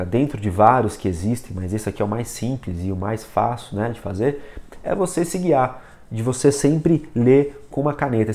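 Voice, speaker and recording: Man, casual video lesson, chatty, talks to the viewer, mid pitch. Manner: casual and lively, addresses viewer directly, demonstrates with a book and pen. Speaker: reading coach.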